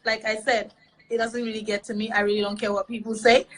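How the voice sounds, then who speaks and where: A woman comedian telling her story in a casual interview, animated and laughing often as she acts out what people said. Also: fairly high pitch, fast, rough recording. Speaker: guest comedian.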